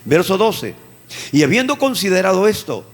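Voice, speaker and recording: Impassioned high-voiced male pastor preaching. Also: big pitch swings, normal speed. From Peru. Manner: impassioned preaching with repeated phrases. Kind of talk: sermon. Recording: church hall reverb with faint music.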